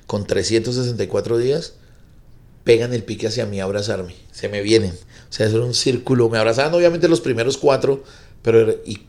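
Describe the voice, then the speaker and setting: A middle-aged man with a Colombian accent, a comedian guest telling a long story in a casual chat and acting out the people in it. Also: medium pitch. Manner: animated storyteller who acts out the voices of the people in his stories.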